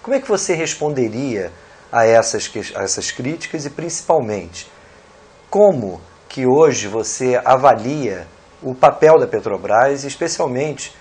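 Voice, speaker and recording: A male interviewer, asking long, measured, formal questions. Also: medium pitch, very animated, darkish tone, husky.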